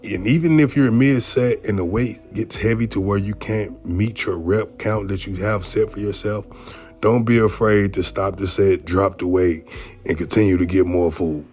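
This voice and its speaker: A man with a low, deep voice talks through his training in a laid-back coaching tone. He explains his technique conversationally and keeps checking in with the listener, with faint music playing underneath. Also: normal speed. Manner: relaxed, conversational, repeats "you know what I mean". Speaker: bodybuilder narrating his workout. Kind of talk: casual instructional voice-over.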